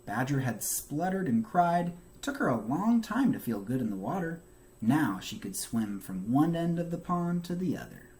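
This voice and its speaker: A man with a fairly high voice reads a children's book aloud at a normal speed. Acting as a teacher, he narrates expressively and with emphasis for young listeners.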